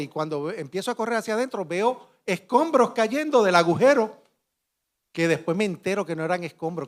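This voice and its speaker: A middle-aged man speaks on a conference panel. He tells a dramatic first-person story in a high voice, animated and vivid. He acts out the dialogue and shouts out sound effects. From Puerto Rico.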